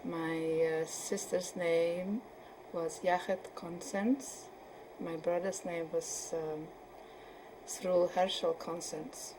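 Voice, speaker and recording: A woman in her seventies from Poland, answering questions in an oral history interview and often pausing to search for words. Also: on the low side, level tone, background noise. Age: 70s. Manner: hesitant, searching for words with many fillers.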